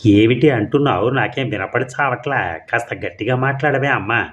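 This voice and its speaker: A man voicing a loud, nosy older aunt who is hard of hearing and scolds and teases as she asks questions. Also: medium pitch, moderate pace, distant mic, a little hiss or hum, natural voice.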